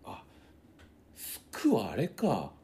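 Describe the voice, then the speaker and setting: A man co-hosting a podcast, telling a story in a casual, animated chat and asking his partner questions. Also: on the low side, drawn-out words, gravelly, echoey room. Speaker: podcast co-host.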